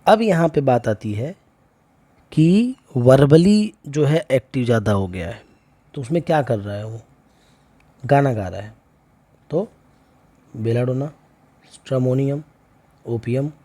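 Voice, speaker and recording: A man teaching homeopathy walks through a chart in a lecture, reading off remedy names one after another and checking in often. His medium-pitched voice is animated and dark in tone, slow, with long pauses.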